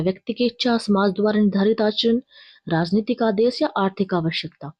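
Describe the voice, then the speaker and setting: Woman teacher, fairly high voice, mellow, dry close sound, reads quiz questions and explains answers. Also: no room sound. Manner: explains answers, corrects herself.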